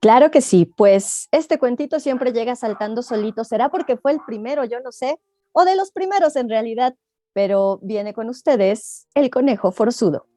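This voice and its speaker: A woman's voice: high-pitched, dry recording, studio quality. A woman, an oral storyteller, talking in an interview and telling a tale playfully to her listeners. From Mexico. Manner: expressive, playful, addresses the audience.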